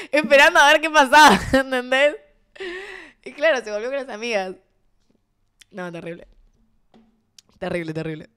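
A woman's voice: high-pitched, animated, measured pace, long pauses, a bit bright, clean tone. A young woman with a Rioplatense Spanish accent, chatting casually with her stream viewers and telling a story with laughter and sudden exclamations.

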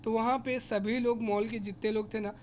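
A man's voice: high voice, flat delivery, normal speed, lo-fi sound, slight background noise. A man casually narrating a tour vlog through a large indoor shopping mall, chatting to viewers as guys and explaining prices and offers. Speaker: vlogger.

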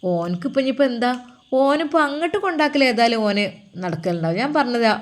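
A woman voicing an elderly, caring mother with a Malappuram accent who talks in a soft, coaxing way. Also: fairly high pitch, expressive, fast talker, lightly acted. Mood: tender, reassuring. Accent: Malappuram Malayalam.

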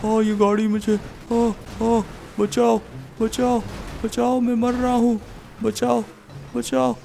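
Dude putting on a gravelly cocky superhero, all brag and threats. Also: male voice, mid-range voice, level tone, normal speed, slight background noise, close to an everyday voice. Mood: panicked screaming. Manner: bragging, threatening, then screaming for help. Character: boastful male superhero, arrogant bully. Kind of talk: game voiceover role-play.

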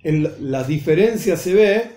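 A rabbi talks through his lesson in a patient, methodical way, with a mellow, somewhat raised voice. He lays out each rule and example with care, and his voice rings in an echoey room. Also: fairly high pitch, lively intonation. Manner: patient, methodical, spells out rules and examples slowly. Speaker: rabbi teaching Hebrew reading. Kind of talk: explanatory lesson voice-over.

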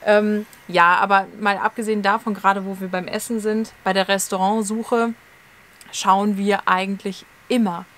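A woman's voice: mid-range voice, level tone, normal speed, fairly bright tone. Woman, 30s, co-host; fluent, explanatory casual talk outdoors. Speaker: channel co-host. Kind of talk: casual discussion to camera. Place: outdoors in a leafy garden, evening.

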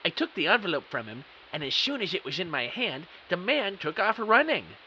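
This man's voice is high, sing-song and brisk as he plays a baffled computer technician telling his own mystery audio drama. The delivery is earnest and melodramatic, the mood dramatic and intrigued, and the recording sounds dull and hissy.

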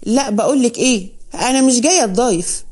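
A woman doing a cold, menacing villain in a spoken story drama, contemptuous and hard. The voice sits a little high but is mellow in tone. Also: quick pace, husky. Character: cold, menacing Upper Egyptian man.

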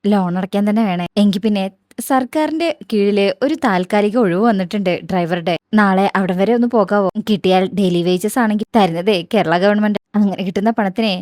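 A woman's voice: mid-range voice, brisk, darkish tone, no room sound, clean studio sound, lightly acted. A woman voicing a helpful older man. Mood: advising. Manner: offering advice, persuasive.

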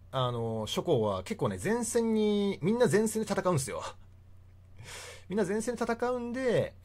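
Lively, chatty man explaining history. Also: fairly high pitch, husky. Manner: chatty, laughs often between points. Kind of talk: casual history lecture.

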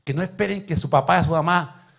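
A man's voice: a little high, fast, creaky. Emotional preacher, man. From Chile. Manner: emotional storytelling, swings from soft to loud. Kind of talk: sermon. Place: church.

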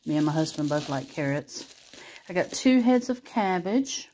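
Here a woman with a deep, warm voice narrates her grocery haul at the kitchen table, animated and at a moderate pace, in a homey show-and-tell style. She's filmed close on a phone, with slight background noise.

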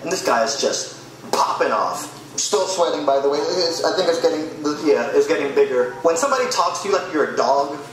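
A man's voice: a little high, very animated, a little fast, slight background noise. A man animatedly recounting a personal story, wry in tone. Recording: echoey room with music.

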